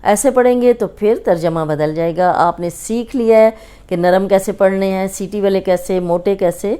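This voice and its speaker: A woman's voice: mid-range voice, moderate pace, dark tone, clean tone. A woman teaching Quran recitation, patiently drilling each sound by drawing it out.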